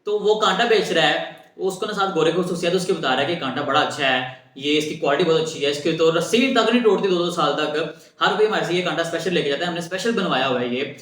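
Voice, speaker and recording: Animated male narrator, high-pitched, roomy sound. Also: fast. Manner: lively, conversational, acts out dialogue. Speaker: storyteller, channel host. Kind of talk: animated storytelling. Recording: echoey room.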